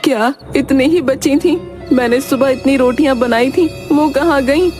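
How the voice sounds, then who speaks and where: A woman voicing a sharp-tongued, mocking middle-aged mother-in-law in a cartoon story, full of taunts. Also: high-pitched, a little slow. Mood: scolding. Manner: taunting, sarcastic jibes. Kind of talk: cartoon voice acting. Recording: voice over background music.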